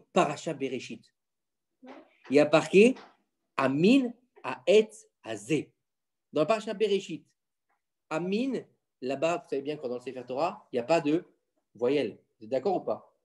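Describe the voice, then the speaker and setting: A man explaining religious stories to his children in a casual home lesson, animated and quizzing them with questions. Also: fairly high pitch, a little fast, long pauses. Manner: insistent, keeps the floor. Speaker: father teaching his children.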